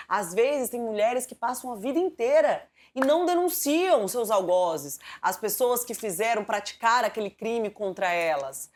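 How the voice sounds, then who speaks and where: A Brazilian woman offers studio commentary on a talk show. She speaks emphatically and turns often to the audience, in a slightly high-pitched voice. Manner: emphatic, addresses the audience directly.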